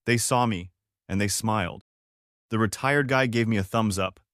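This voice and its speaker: A man telling a first-person story in a measured, even narration. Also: on the low side, no echo, clean studio sound.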